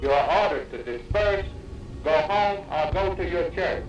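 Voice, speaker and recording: A man giving formal commands over a blaring loudspeaker, in an old archive recording. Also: sits high, lively intonation, unhurried, soft background music. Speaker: police officer giving orders. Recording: echoey, distant, muffled archive bullhorn.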